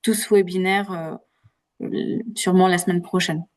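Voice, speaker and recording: A woman's voice: on the low side, steady tone, unhurried, darkish tone. Hesitant woman hosting a webinar. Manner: hesitant, many filler sounds. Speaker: webinar presenter. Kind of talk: moderating an online teacher workshop. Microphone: video call.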